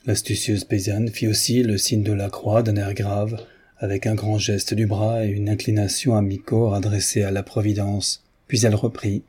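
A man narrating a classic novel as an audiobook in a measured, steady way. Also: on the low side, breathy edge. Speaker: audiobook reader.

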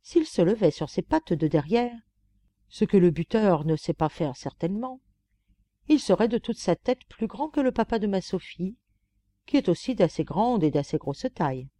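A woman's voice: medium pitch, lively intonation, normal speed, mellow, dry recording, lightly acted. A woman voicing a gossipy, pampered female lapdog who writes confiding, mocking letters, in an audiobook reading. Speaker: audiobook reader. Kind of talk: audiobook narration.

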